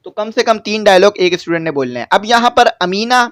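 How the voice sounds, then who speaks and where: A man's voice: sits high, animated, fast. A man explaining English exercises to students, repeating each point and checking that they follow. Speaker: English teacher. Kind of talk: classroom-style lesson explanation.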